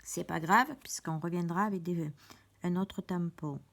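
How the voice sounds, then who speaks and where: A woman's voice: fairly low pitch, unhurried, creaky. A woman giving a chatty step-by-step card-making lesson at her craft table. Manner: chatty, step-by-step, with small restarts. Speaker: craft teacher.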